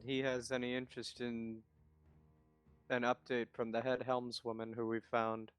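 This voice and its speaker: A man playing a tabletop game who talks in a hesitant, halting way. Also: medium pitch, monotone, a bit bright, clear, resonant tone, faint music behind. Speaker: player. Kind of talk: casual tabletop game chat.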